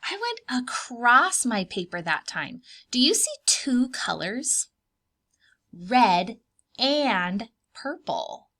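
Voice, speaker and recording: Her voice sits on the high side, sing-song and slow, with a sharp edge. She is a preschool teacher guiding kids through an art activity one step at a time, using easy words, upbeat questions, and phrases she says again and again.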